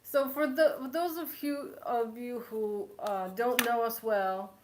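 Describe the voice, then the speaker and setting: A woman's voice: fairly high pitch, fairly even intonation, takes it slowly, a little mellow, a little hiss or hum. Polish-born woman hosting a live cooking chat. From Poland. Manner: chatty, laughs often, joking. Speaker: cooking show host. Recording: echoey room.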